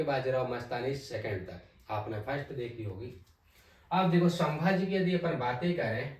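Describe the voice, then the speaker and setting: A male teacher giving an exam-prep history lesson, repeating key names and asking the class quick check questions. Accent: Hindi. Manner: repeats key names, tag "ध्यान रखना" often drops low and soft. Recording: echoey room, mic at a distance.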